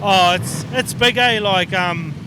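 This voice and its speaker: Male stockcar driver, broad Kiwi accent, very high-pitched, laid-back interview delivery over clear engine noise. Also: slow. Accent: broad New Zealand. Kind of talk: casual trackside interview. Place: outdoors at a rainy speedway. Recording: noisy outdoor speedway with engines.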